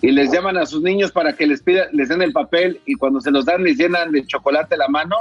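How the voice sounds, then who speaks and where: Dude rambling on a radio comedy show, high voice, dry sound. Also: male voice, fairly quick, breathy edge, dry recording, lo-fi sound, faint music behind. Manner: rambling, storytelling.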